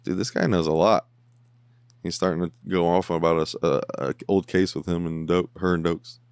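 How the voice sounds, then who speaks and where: Man, very low voice, gravelly fry, dry close sound, casual excitable reaction chat. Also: moderate pace, no room sound. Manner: chatty and excitable, swears casually. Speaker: podcast host reacting to an episode. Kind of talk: casual watch-along reaction commentary.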